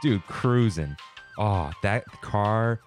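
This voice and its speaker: Man, 20s, lowish voice, very lively pitch, laughing storyteller, podcast co-host, faint music behind. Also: very slow. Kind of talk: casual chat.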